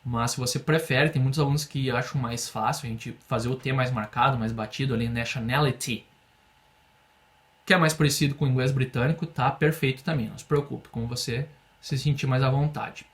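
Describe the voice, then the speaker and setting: A man from Brazil teaching an online English lesson, patiently explaining and slowing down to model phrases for students. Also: medium pitch, fairly even intonation.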